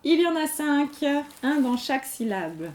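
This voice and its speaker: With a high-pitched, very animated, slightly mellow voice, this woman hosts a general-knowledge quiz at a somewhat slow pace. She reads every question twice, slow and clear, then patiently walks through the answer.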